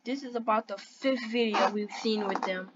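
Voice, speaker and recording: A woman's voice: medium pitch, normal speed. A woman hosting a reaction video with casual commentary. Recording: dull lo-fi audio with background noise.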